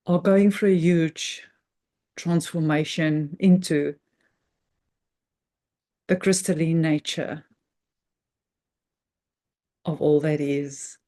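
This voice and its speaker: In an unplanned spiritual talk, a woman guides a meditation with reverent earnestness, her phrases brief and halting, separated by deliberate pauses. She has a low voice and a warm, steady tone.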